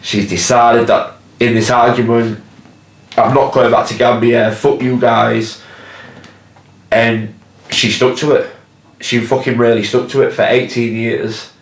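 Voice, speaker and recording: A man's voice: medium pitch, level tone, unhurried, long pauses. A man, talking candidly and casually, swearing freely, in a documentary interview. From Hull, England. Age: 20s. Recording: roomy sound with background music.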